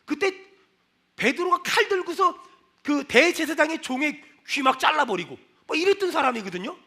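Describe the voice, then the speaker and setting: Male pastor, high and bright with gravel, animated sermon delivery in church. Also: normal speed. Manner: animated preaching, acting out quoted lines, shouted prayers. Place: church sanctuary.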